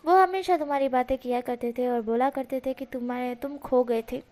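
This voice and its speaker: A woman's voice: high voice, brisk, darkish tone, close to an everyday voice. A woman doing a sly flirting fox man. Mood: teasing.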